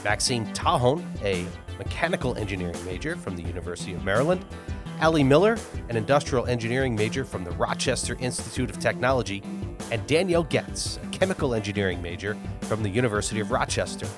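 A man hosting a podcast, interviewing guests in a relaxed, joking way. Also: fairly low pitch, fast talker, music in the background. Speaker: podcast host. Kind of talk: casual interview.

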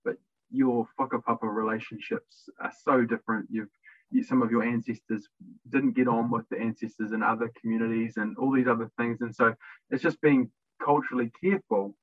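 A man's voice: mid-range voice, steady tone, a little fast. Young New Zealand man on a tinny call. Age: young adult. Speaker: podcast guest. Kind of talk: casual interview talk. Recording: dry, tinny phone-like line.

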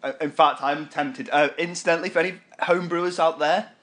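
A man's voice: on the high side, steady tone, fairly quick, a bit bright. A man co-hosting a casual beer review chat, easygoing and knowledgeable about brewing and yeast. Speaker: beer podcast co-host.

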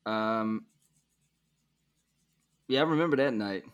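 A man hosting a conversational interview, gently prompting his guest with questions, with fillers along the way. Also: lowish voice, takes it slowly, clear, resonant tone. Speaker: interview host.

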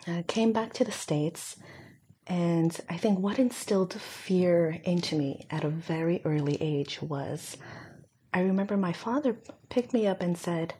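A woman's voice: fairly low pitch, unhurried, warm tone, slightly rough. A young woman from Hong Kong, talking reflectively as an interview guest, with frequent fillers. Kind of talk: conversational interview.

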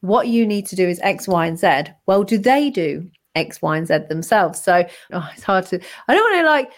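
A British woman with a croaky, froggy voice, chatting casually as a podcast co-host. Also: mid-range voice, very animated, moderate pace.

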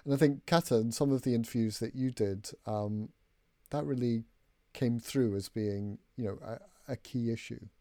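A man hosting a podcast interview, introducing guests and asking questions in a measured, friendly way. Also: mid-range voice, dark tone. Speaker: podcast host.

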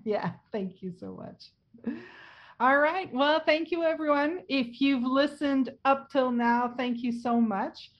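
A woman's voice: sits high, takes it slowly, dull audio. A woman with a French accent, a native French speaker, hosting a casual conversational interview. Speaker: podcast host.

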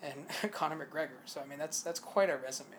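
Male podcast co-host, fairly high voice, rambling casual fight talk full of fillers. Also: a little fast. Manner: rambling, hesitant with many fillers. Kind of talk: casual sports chat.

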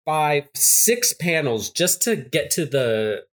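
A man's voice: fairly high pitch, big pitch swings, slow pace, fairly bright tone. A man on a comedy podcast making wry remarks and laughing often while he talks. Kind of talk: comedic chat.

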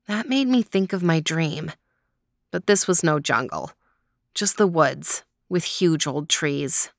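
A middle-aged woman calmly reading a children's story aloud in a gentle, drawn-out way. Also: sits low, no room sound, studio quality.

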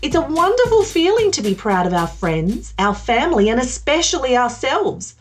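A young woman hosts for children in a broad, singsong kids' theatre style. Her voice sits high and swoops with lively variation as she gushes encouragement. Light music plays behind her. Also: moderate pace. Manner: gushing, encouraging. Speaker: children's podcast host. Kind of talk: children's show presenting.

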